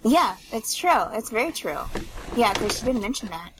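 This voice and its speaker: A woman in casual chat, explaining at length in a halting way with many fillers. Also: on the high side, very animated, noisy background. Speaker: co-host of a game discussion stream.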